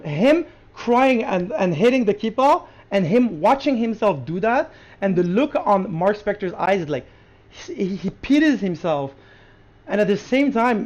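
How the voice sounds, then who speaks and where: A podcast co-host reviewing a show in casual chat, excited and quick, with many restarts. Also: medium pitch. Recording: lo-fi podcast audio.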